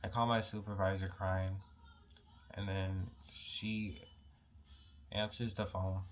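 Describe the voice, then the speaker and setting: A young man speaks in a low, fairly monotone voice as he tells a personal story to camera. His speech is halting and packed with "like" fillers, and he sounds on the edge of tears. A faint room hum sits underneath. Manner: halting, heavy use of "like" fillers, emotional. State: holding back tears. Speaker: vlogger telling a personal story.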